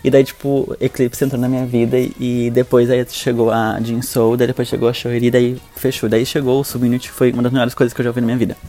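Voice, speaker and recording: A man's voice: mid-range voice, flat delivery, quick pace, few pauses, dark tone. A man with a Brazilian Portuguese accent co-hosting a podcast, chatting in a gossipy, blunt and campy way. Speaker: podcast co-host. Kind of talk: casual podcast chat.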